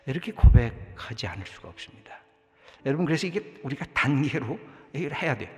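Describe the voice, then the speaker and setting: A male pastor preaching a sermon, reading scripture aloud and then speaking softly and earnestly to his congregation. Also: medium pitch, animated, brisk. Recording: long hall reverb, faint music.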